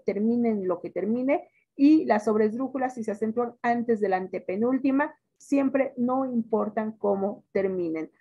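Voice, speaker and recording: In a classroom lesson, a woman teacher with a Mexican accent stretches her words out slowly and quizzes her students. Her voice sits a little high and sounds mellow.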